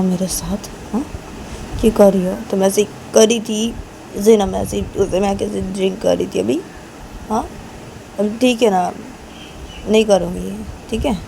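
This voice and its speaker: A woman's voice: medium pitch, vocal fry, dark tone, a little hiss or hum, natural voice. A woman voicing a young woman in a lovers' quarrel, first begging forgiveness, then scolding and pressing with repeated questions. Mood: pleading. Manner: keeps asking "haan?" insistently.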